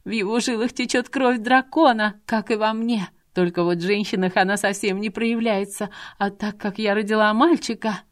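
A woman reading an audiobook voices a hysterical, deranged young governess who shouts frantically. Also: medium pitch, steady tone, moderate pace, hardly any pauses, pitched above the performer's own voice, close to an everyday voice. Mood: hysterical frantic.

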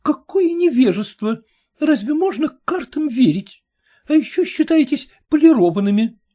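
Lady doing a snooty young wife, sharp and huffy, high voice. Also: lively intonation, moderate pace. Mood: scornful. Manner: scornful, sharp, indignant. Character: haughty, irritable young married woman. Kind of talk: audiobook reading.

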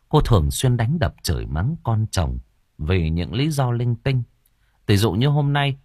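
A man narrating an audio novel in an expressive storytelling style. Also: on the low side, husky, no echo, studio quality.

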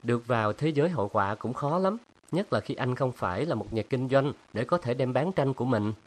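A man voicing a lively, teasing young woman who scolds playfully in a storybook reading. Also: mid-range voice, brisk, voice pushed up, lightly acted. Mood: subdued.

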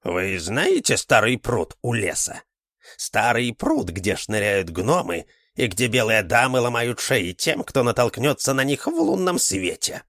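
Guy doing a sly old fortune-teller, shouty and lively, dry close sound. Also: medium pitch, no echo, full character voice. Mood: drawling. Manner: excited exclamations, drawn-out words.

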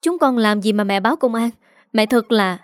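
A woman's voice: fairly high pitch, moderate pace, no echo, studio quality, close to an everyday voice. A woman voicing an earnest, worried grown son. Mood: anxious. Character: worried middle-aged eldest son, patient and dutiful.

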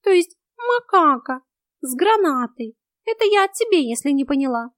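Woman voicing a high-pitched snarky male cat. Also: sing-song, moderate pace, a bit bright, no echo, studio quality. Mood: scornful. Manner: scolding, rude and theatrical.

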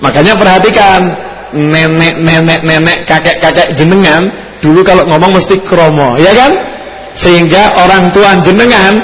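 A man's voice: sits high, moderate pace, a bit bright. A man with a Javanese accent preaching a sermon to a live audience, asking them questions and acting out little dialogues. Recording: echoey hall, faint background noise.

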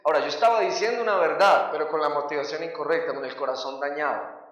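High-voiced Colombian preacher in echoey hall. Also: male voice, fast, far from the mic, lo-fi sound. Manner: animated storyteller acting out scenes. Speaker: youth pastor giving a testimony. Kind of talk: sermon testimony.

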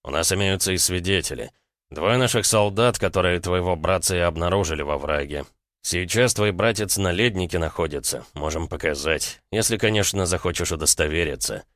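A man's voice: deep voice, brisk, a bit bright, no room sound, clean studio sound. A man voicing an impatient male Soviet officer who speaks curtly and gives orders. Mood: stern. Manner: curt, commanding.

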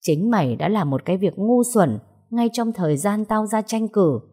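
A woman's voice: lowish voice, lively intonation, moderate pace, slightly rough. A woman voicing a furious older official father. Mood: furious scolding. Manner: shouting, scolding harshly. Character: furious older male vice chairman, domineering father.

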